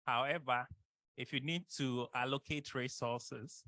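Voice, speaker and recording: Measured man, dry sound. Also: mid-range voice, steady tone, sharp tone, no echo. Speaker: co-facilitator, expert. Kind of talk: explaining in a training session.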